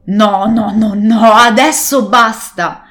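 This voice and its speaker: A woman voicing a violent, frightened old male pirate captain who shouts his commands. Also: fairly high pitch, fairly even intonation, slow, soft background music. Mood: furious.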